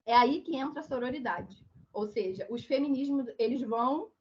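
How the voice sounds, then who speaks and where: A Brazilian woman delivers an online lecture in a fairly high voice that is hoarse and duck-like from flu. She explains in a didactic way and often checks in with listeners. The audio is dull and muffled, as on an online call. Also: lively intonation, normal speed. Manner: didactic, frequent check-in tags. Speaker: lecturer giving a talk. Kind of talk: online lecture on social issues.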